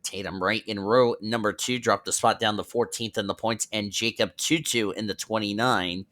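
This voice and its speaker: A man's voice: lowish voice, steady tone, moderate pace, a bit bright. A man calling a simulated stock car race as host, checking the standings aloud and correcting himself as he goes, with a bit of a cough. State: coughing, slightly under the weather. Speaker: race commentator. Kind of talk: play-by-play sim racing commentary.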